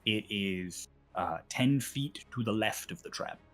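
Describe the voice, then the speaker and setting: A man's voice: on the low side, lively intonation, unhurried, a bit bright, soft background music. A man acting as game master, narrating a tabletop game in a conversational, descriptive way.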